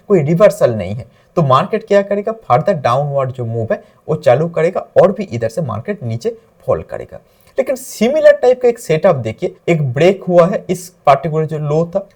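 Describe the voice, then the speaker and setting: Guy with a husky, slightly high voice explaining trading charts, mixes in english words. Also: darkish tone. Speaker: trading instructor.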